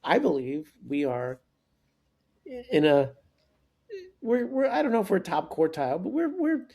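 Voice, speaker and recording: A man in his forties, a guest coach and author, telling stories in an animated way, often restarting his sentences. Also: sits high, measured pace, gravelly. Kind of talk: conversational podcast storytelling.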